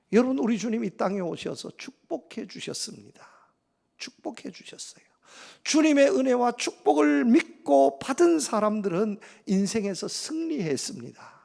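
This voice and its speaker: High, gravelly-voiced male pastor preaching. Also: a little mellow. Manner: emphatic preaching with repeated phrases and rhetorical questions. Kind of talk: sermon.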